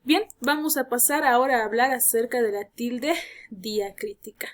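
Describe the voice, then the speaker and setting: A woman teacher with a voice on the high side gives a recorded grammar lesson at a moderate pace. She explains patiently, repeats key points and poses rhetorical questions to her students.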